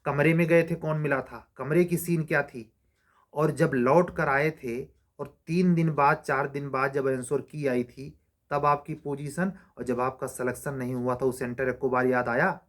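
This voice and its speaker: A male law exam coach lectures his students, mid-pitched and insistent. He scolds and exhorts, firing one rhetorical question after another. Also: fairly even intonation, unhurried. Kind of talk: motivational lecture to exam aspirants.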